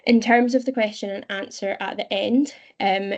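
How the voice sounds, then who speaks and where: A Scottish woman in her twenties presenting an online webinar, explaining steadily with frequent pauses. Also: medium pitch, steady tone, muffled recording. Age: 20s. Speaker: webinar presenter, young leader. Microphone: video call.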